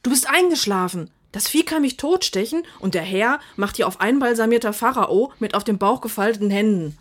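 A man putting on a higher, sarcastic partner's voice. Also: moderate pace, a little mellow, natural voice. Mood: nagging. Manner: dry, nagging and teasing. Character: sarcastic sleepy adult woman, the narrator's partner. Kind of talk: humorous story reading.

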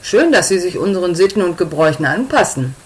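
Woman playing a prim nosy neighbor lady, condescending, low voice. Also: big pitch swings, fast talker.

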